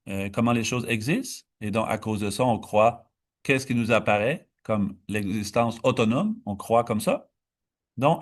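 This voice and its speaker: A man teaching meditation in a dharma talk, explaining slowly, stretching key words and often restarting. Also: medium pitch.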